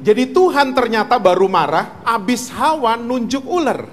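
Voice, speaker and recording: A man's voice: very high voice, lively intonation, normal speed, big-room sound, faint music behind. A male pastor preaching a sermon, mixing in English words and asking his listeners questions. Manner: mixes English words, asks the congregation questions. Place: church hall.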